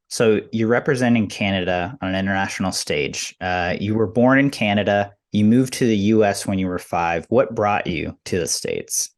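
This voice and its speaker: A woman's voice: rumbling low, moderate pace, hardly any pauses. A woman interviewing an athlete, asking loose, self-correcting questions in a casual way.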